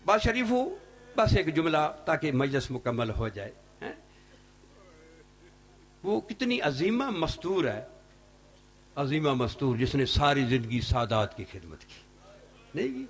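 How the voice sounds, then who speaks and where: A man's voice: on the high side, very animated, long pauses. Man preaching a lamenting mourning sermon. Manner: dramatic, lamenting storyteller with wailing cries. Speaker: Shia religious scholar.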